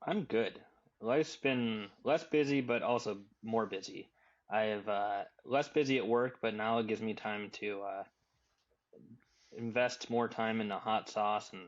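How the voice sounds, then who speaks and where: A man hosting a casual podcast chat in a relaxed, hesitant way with many fillers. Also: lowish voice, highs cut off. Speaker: podcast host.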